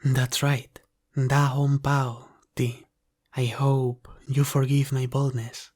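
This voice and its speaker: Acting in a soft ASMR character piece, a man plays a devoted dragon butler, gentle, formal, and deferential in manner. His flat, very slow speech keeps a level melody at a medium male pitch, and his mood is courteous and attentive.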